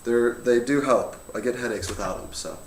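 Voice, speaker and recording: A young man chatting casually on a livestream, answering fan questions with a relaxed manner, often laughing and letting his sentences trail off softly. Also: medium pitch, moderate pace, recorded from a distance. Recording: roomy, off-mic with faint hum.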